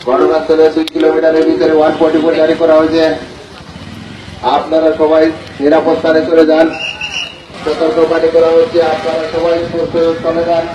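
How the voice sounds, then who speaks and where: A man making an urgent public safety warning over a loudspeaker outdoors, repeating his instructions. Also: a little high, completely flat delivery, brisk. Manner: urgent, repetitive warning calls. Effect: loudspeaker announcement. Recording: echoey distant muffled loudspeaker with street noise.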